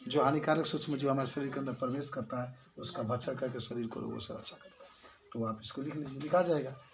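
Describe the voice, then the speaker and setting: A man's voice: mid-range voice, steady tone, fast talker, slight background noise. A male biology teacher gives a colloquial classroom lecture. He keeps asking his students questions and then answering them himself. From eastern Uttar Pradesh, India.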